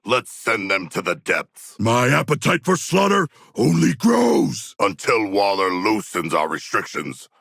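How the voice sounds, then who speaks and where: Game creature role: hulking shark-man, earnest and bloodthirsty, stiffly formal diction, forceful bright edge with big swings in pitch, gravelly. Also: a little slow, few pauses, no room sound, clean studio sound, exaggerated voice. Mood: battle-ready, forceful. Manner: formal, stilted, articulate, deadpan. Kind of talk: video game voice lines.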